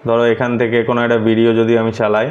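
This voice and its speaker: This man, a vlogger unboxing a product, gives an informal hands-on tutorial, weaving English words into his explanations. His mid-range voice is monotone and racing, and the high frequencies are cut off.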